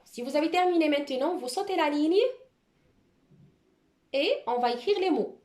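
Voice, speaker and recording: A woman's voice: high-pitched, expressive, normal speed, a little mellow. A woman teacher giving a dictation lesson to children, articulating each word carefully and repeating it twice. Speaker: primary school teacher. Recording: roomy echo.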